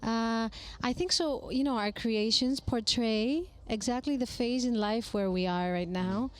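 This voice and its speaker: A woman's voice: on the high side, unhurried. A woman in her thirties from Greece, speaking English with a Greek accent as a guest in an interview, thoughtful and searching for words. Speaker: singer guest. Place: small mobile studio at a festival.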